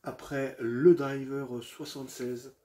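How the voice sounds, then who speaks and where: A man's voice: mid-range voice, flat delivery, slow pace, dark tone. A man presenting his video game collection in a casual, hesitant way, with many fillers and restarts, addressing viewers as friends.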